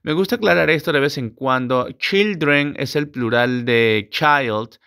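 Slow, encouraging man teaching English. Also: mid-range voice, vocal fry, sharp tone, clear, resonant tone. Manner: slow, drilled repetition of example sentences; friendly, encouraging asides to the viewer. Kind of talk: video English lesson in Spanish.

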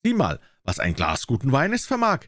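A man's voice: medium pitch, huge pitch swings, moderate pace, fairly bright tone, dry recording, clean studio sound, voice pushed up. A man voicing a cruel, boisterous tyrant king in an audiobook, bellowing and mocking. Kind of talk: audiobook character voice.

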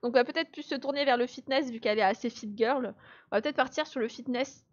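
A woman's voice: sits high, fast, lo-fi sound. A woman giving casual live gameplay commentary, chatty and laughing often as she answers her chat. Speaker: let's play streamer.

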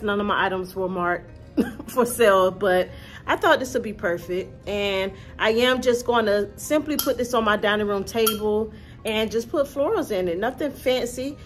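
A woman with a slightly high, somewhat bright voice chats casually to the camera from her living room, showing off her thrift finds. She's a haul vlogger who calls her viewers y'all.

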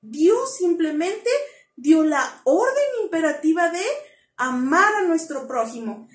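A woman teacher giving a grammar lesson to children, lively and coaxing, pausing to ask the class questions. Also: very high voice, roomy sound.

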